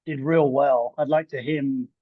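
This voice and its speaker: A man's voice: medium pitch, steady tone, unhurried, phone-quality sound. A man from England, a triathlon coach, giving brief, agreeable replies on a video call. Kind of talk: casual chat on video call.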